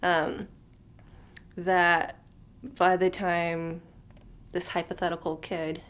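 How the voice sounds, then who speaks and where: Her pitch is fairly low and a bit bright, her delivery flat and slow. She's a woman in her thirties vlogging off the cuff, musing aloud with many fillers and now and then sinking into a near whisper during casual chat to camera.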